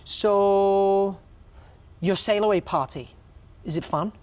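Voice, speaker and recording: A woman's voice: medium pitch, slow, a little mellow. A woman conducting a casual promotional interview in a chatty, encouraging way.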